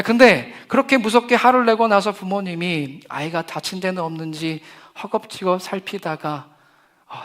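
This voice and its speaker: A middle-aged male pastor delivers a lively sermon in a high voice. He mixes humor with acted-out quotes to reach his young listeners.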